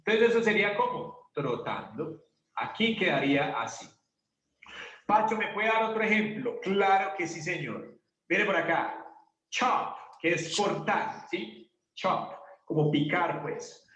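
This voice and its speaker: A man's voice: on the high side, animated, slow pace, fairly bright tone. A man teaching an English grammar lesson to a class, patiently asking questions and answering them himself. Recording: echoey room, voice from a distance.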